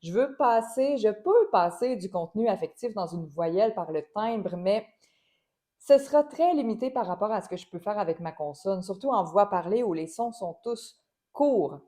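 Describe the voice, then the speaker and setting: Woman, voice coach, mellow tone, explains and demos syllables. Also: mid-range voice, lively intonation, normal speed. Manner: explanatory, demonstrates sounds and syllables aloud. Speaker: voice and singing teacher. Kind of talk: spoken voice lesson.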